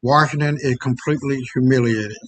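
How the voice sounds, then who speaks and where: A man's voice: mid-range voice, brisk, rough recording. A man hosting a podcast in casual chat, blunt and profane, often stumbling over repeated words. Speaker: podcast host.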